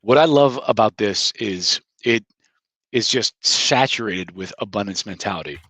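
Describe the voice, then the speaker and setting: A man with a lowish voice talks through dating advice on a podcast, emphatic and a little lecturing. He often repeats words as he goes. The sound is dry, with no room around it. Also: moderate pace, fairly bright tone, husky, no room sound, rough recording. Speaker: podcast co-host. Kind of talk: casual advice chat. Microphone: headphones with mic.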